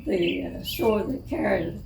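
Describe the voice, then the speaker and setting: Very old woman, very slow and halting. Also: mid-range voice, creaky. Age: 105, very old. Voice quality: aged, elderly voice. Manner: halting, in short broken phrases. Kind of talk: unscripted reminiscing about the old days. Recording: distant mic, noisy, birdsong behind.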